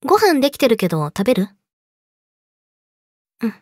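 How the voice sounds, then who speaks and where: A young woman playing a possessive yandere girlfriend, sweet but menacing, speaking softly and intimately to her lover in an audio drama. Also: on the high side, very animated, moderate pace, dry recording, clean studio sound. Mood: sweet, domestic. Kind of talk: Japanese situation voice audio drama, addressed to listener.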